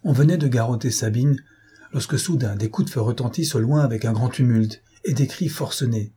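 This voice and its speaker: Very husky man reading a novel. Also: medium pitch, a little fast, dark tone. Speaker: audiobook narrator. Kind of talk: dramatic audiobook reading.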